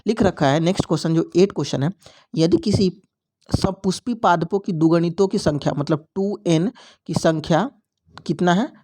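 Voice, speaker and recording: A man's voice: high-pitched, moderate pace, warm tone. A young man teaching biology, walking through exam questions and mixing English terms into his explanations.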